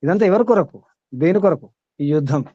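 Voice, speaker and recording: A man's voice: a little high, animated, normal speed, mellow, dry recording, highs cut off. A man teaching a spiritual discourse to students, asking them many rhetorical questions in an emphatic way.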